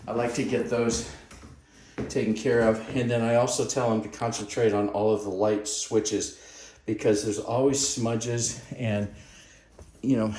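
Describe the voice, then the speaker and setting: A man acting as landlord, narrating a walkthrough video of an empty house in a slow, halting way with plenty of pauses. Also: fairly low pitch, warm tone. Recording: roomy echo with faint noise.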